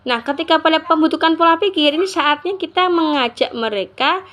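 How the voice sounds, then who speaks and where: High-voiced chatty woman teaching mothers. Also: a little fast, a bit bright. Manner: chatty, addresses listeners as mothers, frequent "gitu ya". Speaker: Islamic parenting teacher. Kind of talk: casual religious parenting talk to mothers.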